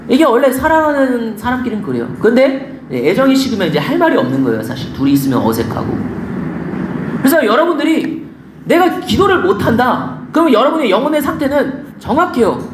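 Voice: mid-range voice, big pitch swings, fairly quick. A pastor preaching a sermon in a casual, conversational way, asking the congregation rhetorical questions. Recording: echoey room with faint background noise.

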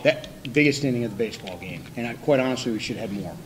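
A man's voice: medium pitch, expressive, quick pace, background noise. An older man coaching college baseball, answering at a postgame press conference in a candid, rambling way with dry humor. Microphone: table microphone.

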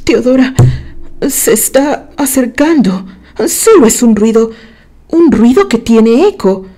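A woman voicing a frightened young woman in a haunted house, speaking in a tense, hushed, anxious way. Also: on the high side, very animated, slow, heavily acted.

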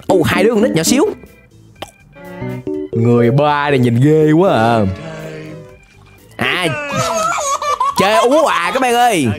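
Animated female reaction host, lively chatty commentary, music under her. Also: on the low side, unhurried, long pauses. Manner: lively, exclaiming, addresses viewers often. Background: video music.

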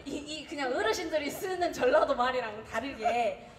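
A young woman from Gwangju with a Jeolla dialect, giving a lively, chatty comic speech at a dialect contest. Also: high-pitched, moderate pace, slight background noise. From Gwangju, Korea. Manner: lively, chatty, acts out quotes. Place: large echoey hall. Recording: echoey hall recording.

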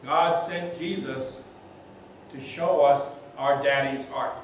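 An older man preaching a sermon as a pastor, in a measured, deliberate way. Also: mid-range voice, fairly even intonation, slight background noise. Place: church sanctuary. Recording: echoey church from a distance.

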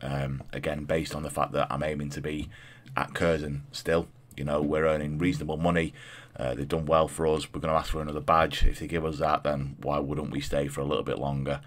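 A man's voice: extremely low pitch, little pitch movement, brisk, hardly any pauses. A man in his thirties with a throaty, stuffed-up voice from a cold, chatting casually through gameplay as a video host and repeating phrases for emphasis. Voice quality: throaty, congested.

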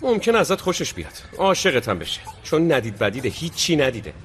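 A man's voice: on the high side, huge pitch swings, soft background music. A man dubbing a rich young man in a drama, brooding and self-reproaching. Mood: scolding.

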